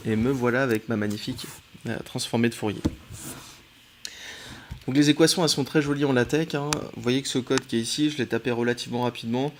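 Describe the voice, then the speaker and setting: A man's voice: medium pitch, quick pace. Man from France, screen tutorial, thinks aloud while typing, keyboard clatter, background hiss. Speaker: teacher. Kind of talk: screen-recorded coding tutorial.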